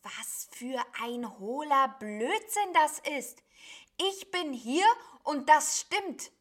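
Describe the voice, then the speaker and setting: A woman putting on a loud scolding storybook sheep. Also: high-pitched, expressive, slow, voice pushed up, full character voice. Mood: shouting scold. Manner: scolding, shouting. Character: loud cheeky grumbling female sheep.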